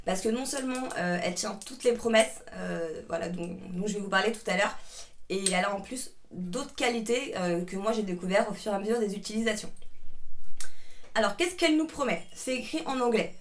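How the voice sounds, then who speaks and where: A woman's voice: medium pitch, fairly quick, a little hiss or hum. A young woman chatting casually through a make-up tutorial, talking straight to her viewers from a room at her grandmother's house. She is apologetic and hesitant and fills her sentences with lots of "euh". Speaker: beauty vlogger.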